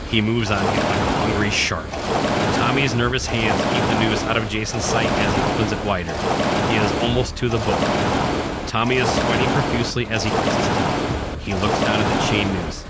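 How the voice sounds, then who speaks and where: A lowish-voiced man narrates a scripted horror radio play with a theatrical, suspenseful delivery. Heavy background noise and prominent music surround his dramatic reading.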